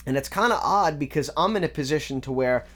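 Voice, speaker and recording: A man's voice: a little high, lively intonation, quick pace, fairly bright tone. A man with a slightly raised voice talks through rap lyrics in a casual, analytical way. He works methodically, bar by bar, and often stops on an um or restarts a phrase. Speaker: music reaction host.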